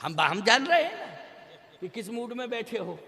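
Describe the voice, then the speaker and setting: A man's voice: very high voice, sing-song, moderate pace, vocal fry, sharp tone, long reverb tail. An older man giving a devotional sermon to an audience, speaking emphatically, throwing rhetorical questions to the listeners and sometimes chanting verses in a sung tone. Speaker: spiritual teacher.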